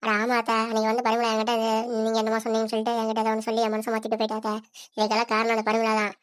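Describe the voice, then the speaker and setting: A woman voicing a young, sharp-tongued daughter-in-law in a cartoon, with impatient, snappy retorts. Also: fairly high pitch, monotone, racing, no room sound, lightly acted. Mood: apologetic. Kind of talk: cartoon voice acting.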